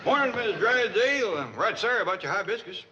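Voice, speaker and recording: An actor playing a good-natured middle-aged hillbilly patriarch with a rural Southern drawl, folksy and unhurried. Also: male voice, high-pitched, animated, over a noisy crowd. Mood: easygoing. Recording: dull, hissy old TV soundtrack.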